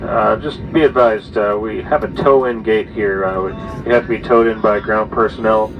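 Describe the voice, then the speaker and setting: Pilot on the cabin speaker, low and flat. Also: male voice, highs cut off. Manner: halting, with frequent "uh" fillers. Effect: heard over the aircraft cabin loudspeaker from the flight deck. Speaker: airline pilot. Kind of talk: in-flight public address announcement. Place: airliner cabin while taxiing. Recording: distant cabin speaker with engine hum.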